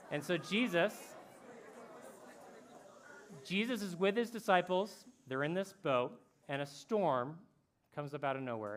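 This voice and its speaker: Guy giving a camp talk, kinda high voice, slangy storyteller, gets loud then goes quiet. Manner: casual, slangy storytelling that swings between loud and hushed. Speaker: camp speaker.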